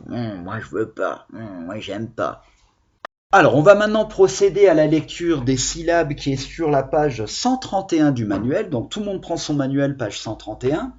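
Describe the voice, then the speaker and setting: Slow, lively-voiced male teacher. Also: fairly high pitch. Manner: slow, deliberate, over-articulated syllables. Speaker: primary school teacher. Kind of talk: video reading lesson for children. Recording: dull lo-fi sound.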